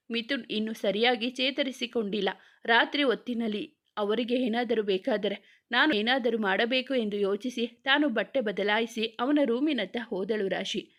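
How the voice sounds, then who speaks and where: A woman storyteller reads a romance story aloud. Her narration is measured and unhurried. Her voice sits fairly high. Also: fairly bright tone.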